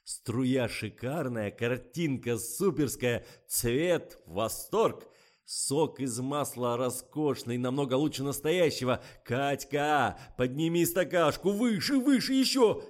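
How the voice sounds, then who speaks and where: A man voicing a loud, excitable male film director in an audiobook, shouting orders and stretching out his exclamations. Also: medium pitch, measured pace, pitched above the performer's own voice, natural voice. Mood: frantic. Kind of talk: audiobook character voice.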